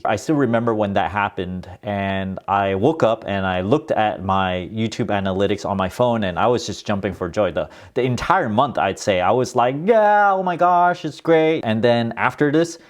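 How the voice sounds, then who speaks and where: A man with a fairly low voice talks straight to camera in a relaxed, candid way. He runs his own channel and explains things plainly and matter-of-factly, like a casual chat. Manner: chatty, candid, matter-of-fact. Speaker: personal finance YouTuber.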